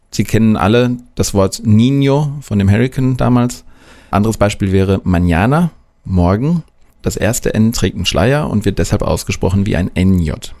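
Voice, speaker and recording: A man explaining pronunciation in a clear, deliberate way, modelling example words as a language teacher. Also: lowish voice, darkish tone. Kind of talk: scripted instructional narration.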